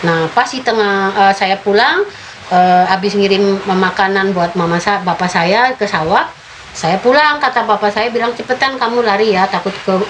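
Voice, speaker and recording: A woman in her fifties tells a childhood story in a relaxed interview, her voice sitting at an ordinary middle pitch. She speaks in a halting way and fills her pauses with drawn-out filler sounds. A faint background noise stays under her voice. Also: low-quality recording. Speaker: guest giving testimony. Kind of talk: personal testimony told in conversation.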